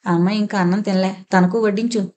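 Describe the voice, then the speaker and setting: A woman voicing a gentle loving father. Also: mid-range voice, fairly even intonation, brisk, close to an everyday voice. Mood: tender. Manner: soft and affectionate.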